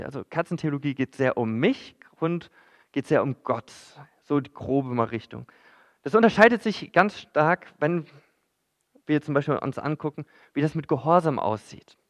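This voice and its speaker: A man preaching a sermon in church, in a conversational way that addresses the listeners directly, with frequent fillers. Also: fairly high pitch.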